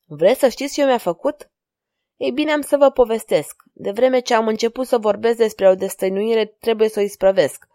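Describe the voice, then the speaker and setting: A woman's voice: fairly high pitch, warm tone, no room sound, close to an everyday voice. A woman reading the lines of an elegant, ironic masked woman in an audiobook, her voice close and dry.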